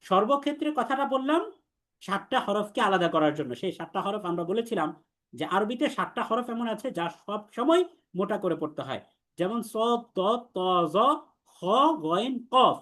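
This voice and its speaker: A man's voice: sits high, lively intonation, normal speed, fairly bright tone. A man teaching an Arabic letters class for the Quran, explaining step by step with patience and repetition, and leading students in call-and-response drills.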